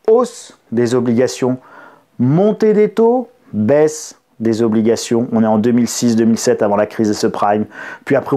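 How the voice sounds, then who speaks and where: A man explaining finance to his online audience, lively and expressive, with playful asides and sound effects. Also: medium pitch. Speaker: economics channel host.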